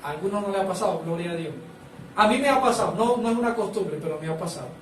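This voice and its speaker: A man's voice: high voice, fast, echoey room, recorded from a distance, a little hiss or hum, rough recording. A man preaching a sermon as pastor, prompting the congregation to repeat phrases back to him.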